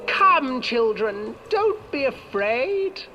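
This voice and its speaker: A man voicing a cackling old witch in a game, coaxing children with drawn-out sing-song words. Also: very high voice, sing-song, highs cut off, noisy background, voice pushed up, heavily acted. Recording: game audio with loud music behind.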